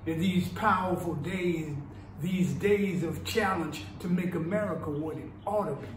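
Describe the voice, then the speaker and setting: Older male actor, playing an oratorical preacher, deliberate pace, echoey small room with faint hiss. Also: a little high, natural voice. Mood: impassioned. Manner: slow, oratorical, rising and falling delivery. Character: impassioned male civil rights preacher. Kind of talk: dramatic speech performance. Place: small indoor room, tiled wall.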